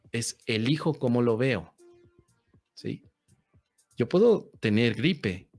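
Guy doing a chill spiritual podcast, slangy and playful, faint music in the back. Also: lowish voice. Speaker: spiritual teacher. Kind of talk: casual podcast talk answering a listener.

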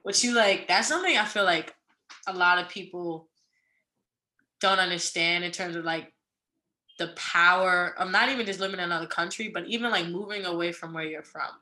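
Young New woman, podcast co-host, earnest motivational rambler, bright forward tone. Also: fairly low pitch, normal speed, low-quality recording. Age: 20s. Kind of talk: casual chat.

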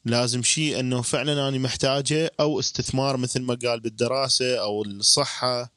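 A man's voice: medium pitch, fairly even intonation, quick pace, fairly bright tone, clean tone, no echo, studio quality. A man co-hosting a podcast, chatting in an easygoing way and reading viewer questions aloud. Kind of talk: casual podcast chat.

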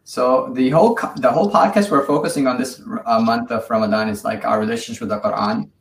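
A man hosting a podcast in casual chat, friendly and halting with many fillers. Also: medium pitch, gravelly. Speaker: podcast host. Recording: echoey room with faint noise.

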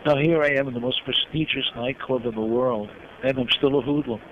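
An older man from New York telling personal stories as an interview guest, reflective and heartfelt, pausing often. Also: mid-range voice, steady tone. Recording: dull lo-fi sound with clear background noise.

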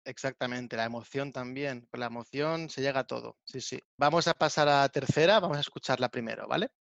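A man's voice: mid-range voice, a little fast, creaky, fairly bright tone, no room sound, muffled recording. A man co-hosting a casual Spanish-learning talk show, explaining words and playfully imitating sounds. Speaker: Spanish teacher podcast co-host. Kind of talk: casual teaching chat.

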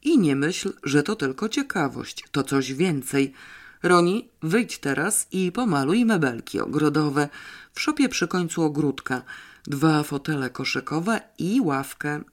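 A reader voicing a sharp, bossy old woman confined to her bed, blunt and commanding. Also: mid-range voice, expressive, unhurried. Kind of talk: audiobook character voice.

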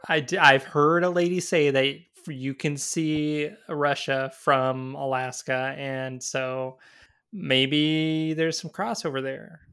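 A man's voice: a little high, steady tone, slow, fairly bright tone, clear, resonant tone. A man co-hosting a podcast, chatting casually in a wry, rambling way and often correcting himself mid-sentence. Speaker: podcast co-host. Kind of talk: casual chat.

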